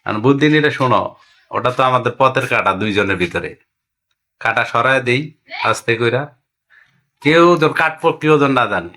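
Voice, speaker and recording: An actor playing a scheming young lover, talking in a coaxing, conspiratorial way with a Bangladeshi accent. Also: male voice, mid-range voice, animated, normal speed, long pauses, bright, forceful tone. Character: scheming young male lover plotting murder. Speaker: wife's lover. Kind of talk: amateur drama acting.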